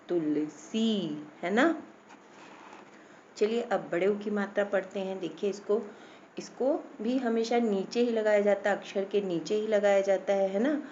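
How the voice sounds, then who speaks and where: A woman's voice: mid-range voice, dark tone, muffled recording, a little hiss or hum. A woman teaching a children's Hindi grammar lesson. She speaks patiently, draws out each syllable and often checks in with "है ना?". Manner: slow, patient, drawn-out syllables, frequent "है ना?".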